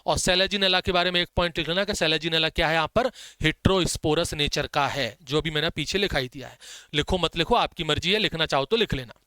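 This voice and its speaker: A man teaching a biology class in Hindi mixed with English, dictating notes and slowly repeating the key terms, with chatty asides. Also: a little high, pushed and bright, dry recording.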